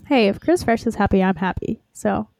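A woman's voice: mid-range voice, normal speed, vocal fry, darkish tone, no echo. A woman in casual fan chat as a podcast co-host.

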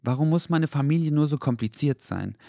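A man voicing a young, kind-hearted boy in a children's audio story, talking earnestly and gently. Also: a little high, lively intonation, fairly quick, vocal fry, dry recording, clean studio sound, voice pushed up. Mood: wistful.

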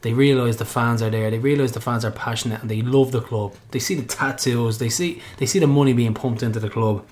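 A man's voice: medium pitch, a little fast, hardly any pauses, darkish tone. An Irish man hosting a football fan podcast in a casual, chatty, joking and colloquial way. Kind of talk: casual chat.

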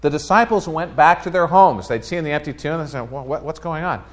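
A man preaching a sermon in a church, telling a story conversationally with lively quoted voices. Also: a little high, brisk. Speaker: pastor. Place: church sanctuary.

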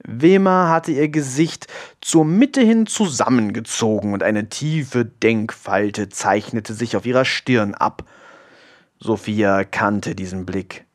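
A man narrating an audiobook in a calm, even way. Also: on the low side, takes it slowly. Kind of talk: audiobook reading.

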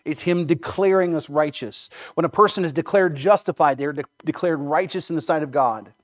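Male pastor, fairly high voice, earnest emphatic sermon delivery with rhetorical questions. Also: brisk.

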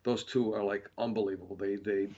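A man's voice: fairly low pitch, steady tone, brisk, mellow, muffled recording. A man, a painter being interviewed, talking in a rambling casual way with many fillers and restarts.

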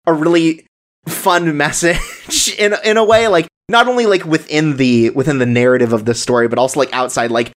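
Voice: medium pitch, normal speed. A podcast co-host chatting casually about anime, rambling with lots of filler words and frequent laughter. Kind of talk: casual chat.

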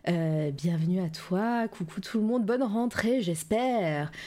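A woman's voice: mid-range voice, animated, a little slow, warm tone. Chatty woman hosting a live stream. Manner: chatty, loose, filled with hesitations. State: slight frog in the throat, occasional coughs. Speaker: livestream show host. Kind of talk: casual livestream chat, greeting viewers.

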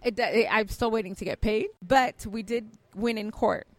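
Earnest middle-aged woman, halting restarts. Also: a little high, no room sound. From Cameroon. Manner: earnest, many restarts and fillers. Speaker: company founder. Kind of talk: interview answer.

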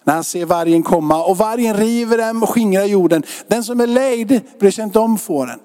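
A man's voice: sits high, mellow, big-room sound. A man preaching a sermon in a conversational way, often asking his listeners whether they follow him. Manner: conversational preaching with rhetorical questions. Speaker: pastor. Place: church.

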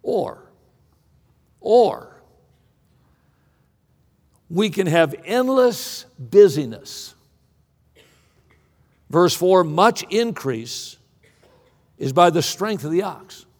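A man delivers a sermon in a high-pitched voice that rings through a large reverberant hall. His delivery is emphatic and folksy, leaning on repetition and plainspoken storytelling. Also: sing-song, drawn-out words, pauses often, a little mellow. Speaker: preacher. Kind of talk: sermon with dramatic pauses and repetition.

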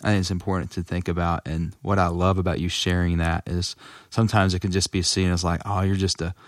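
A man's voice: low voice, level tone, fast talker, dry recording, studio quality. A man with a West Texas accent hosting a casual interview, feeling his way through questions as he rephrases them.

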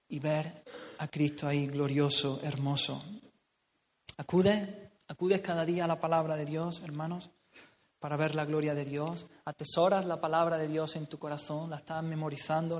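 A man from preaching a sermon, stressing his points, repeating phrases and asking the congregation questions. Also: fairly high pitch. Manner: emphatic, repeats phrases, asks rhetorical questions. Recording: reverberant hall sound.

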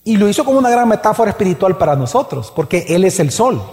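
A man with a high, mellow voice preaches from the front of a church, pausing on rhetorical questions and drawing out his key words. His voice rings with a long reverb off the hall walls. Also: big pitch swings. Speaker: pastor. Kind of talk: sermon.

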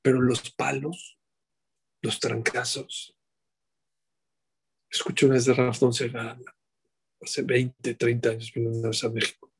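A middle-aged man delivers a rabbi's sermon. His voice has a husky edge, and he keeps asking his listeners rhetorical questions in an animated way. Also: mid-range voice, a little slow, pauses often.

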